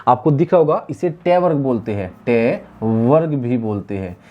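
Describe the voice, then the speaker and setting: A man's voice: medium pitch, animated, dull audio. Man teaching in a drilling lecture style. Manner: drills sounds slowly and repeats questions to students. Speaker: Hindi teacher. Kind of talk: classroom lecture at a whiteboard.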